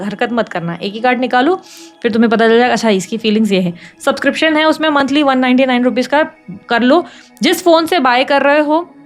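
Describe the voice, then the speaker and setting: Woman, tarot reader, casual chat, fast and teasing, big-sister scolding, a bit high-pitched. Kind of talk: casual direct-to-camera tarot reading.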